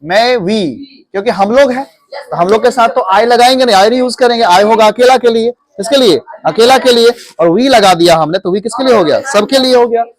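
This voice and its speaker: A man's voice: very high voice, a little fast. A man teaching English phrases in a classroom, coaxing and repeating questions to his students.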